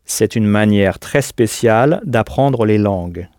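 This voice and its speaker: A man's voice: lowish voice, animated, unhurried, a little mellow, clean tone, no room sound, clean studio sound. A man teaching a scripted audio language lesson, patient and didactic, prompting the listener to answer.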